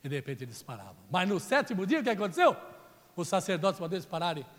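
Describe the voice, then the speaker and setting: A man with a Brazilian Portuguese accent preaches in a high, lively voice that rises and falls all over. He tells stories in a chatty way and teases people in the pews by name. A long reverb from the church hall trails after him. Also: rapid-fire. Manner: chatty, jokes with the congregation by name. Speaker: pastor. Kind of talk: storytelling sermon.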